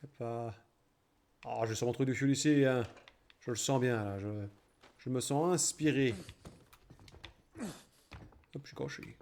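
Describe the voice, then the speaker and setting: A man's voice: medium pitch, moderate pace, pauses often, darkish tone. A man giving casual, slangy gameplay commentary, playfully narrating his own actions with mock-heroic flourishes. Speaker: gaming streamer. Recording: faint game noise and vehicle ambience.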